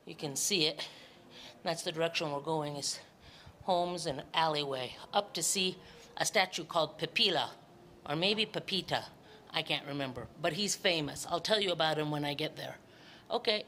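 Her voice is deep and sharp-toned, at a moderate pace, over slight background noise. A middle-aged woman vlogging to a phone or camera held at arm's length, she chats casually and emphatically, repeating words for effect. She's mainly outside in hilly town streets, partly inside.

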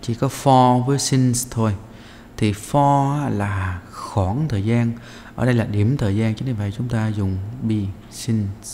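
Low-voiced male teacher, reverberant room. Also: measured pace, mellow, slight background noise. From Vietnam. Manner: explains step by step with many "à" fillers. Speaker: English teacher. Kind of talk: walking through test answers.

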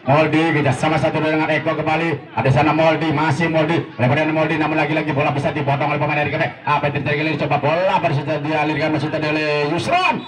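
A man's voice: on the high side, little pitch movement, racing, hardly any pauses. A man giving live play-by-play football commentary, often repeating players' names. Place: outdoor village football ground. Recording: echoey PA, distant, crowd noise. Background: crowd.

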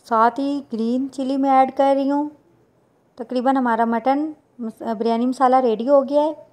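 A woman, talking viewers through a recipe step by step in a plain, unhurried voice-over. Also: high voice, fairly even intonation, darkish tone. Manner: plain instructional, unhurried with small restarts. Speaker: cooking channel host.

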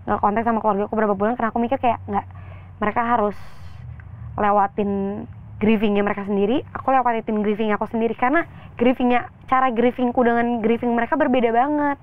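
A young woman talks openly as an interview guest, slipping into quick quoted voices as she tells her story. Her voice sits a little high. The sound is dry and narrow, like a phone line. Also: no room sound. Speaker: actress guest. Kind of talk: candid interview talk.

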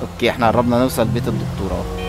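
A man with an Egyptian Arabic accent giving playful, joking gameplay commentary as a video host, often breaking into shouts. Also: medium pitch, fairly even intonation, rapid-fire, vocal fry. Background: game music.

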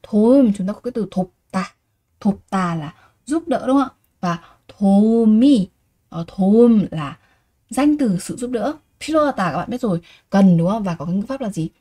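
This woman, a Korean teacher and native Vietnamese speaker, has a warm, medium-pitched voice and an animated, quick delivery. She goes through vocabulary by repeating every word and tossing rhetorical questions at the class.

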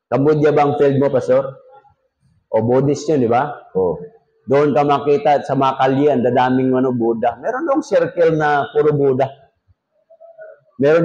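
A man's voice: mid-range voice, a little mellow, poor audio. A man, a pastor, teaching a Sunday school Bible lesson in a joking conversational way, talking straight to his class. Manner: jokey, talks directly to the class.

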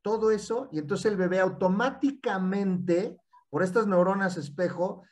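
Animated Mexican man explaining. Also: sits high, moderate pace. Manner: animated, repeats "y entonces". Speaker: guest speaker. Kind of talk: casual explanatory talk.

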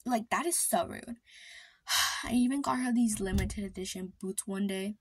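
A woman's voice: a little high, moderate pace, breathy edge. A woman chatting to camera, gossiping about her sisters in a dramatic, indignant way, full of "like", now and then dropping to a whisper for secrets. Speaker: vlogger.

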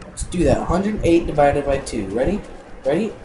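A man's voice: fairly high pitch, expressive, moderate pace. A young man narrating his block-game footage in a casual, annoyed, rambling way, swearing as he talks. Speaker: gameplay narrator. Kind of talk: casual let's-play narration. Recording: noisy recording.

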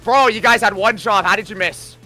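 A man's voice: high-pitched, fairly quick, sharp tone, faint music behind, full character voice. A man voicing an arrogant, irritable cartoon hedgehog, whining and sarcastically complaining through comedic gameplay commentary. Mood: sarcastic. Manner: whiny, exasperated, sarcastic complaining.

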